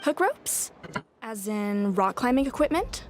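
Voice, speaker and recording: Bright chirpy game shopkeeper gal with a lively up-and-down voice, soft music behind. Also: female voice, fairly high pitch, takes it slowly, a little hiss or hum. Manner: lively, easily surprised shopkeeper. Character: cheerful young woman selling climbing rope. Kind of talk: video game voice acting.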